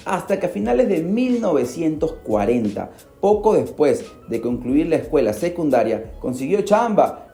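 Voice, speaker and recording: Dark-toned and reverberant, this Peruvian radio podcast host narrates a story with theatrical flair through a studio microphone. He speaks straight to the listener and shifts his pitch for emphasis.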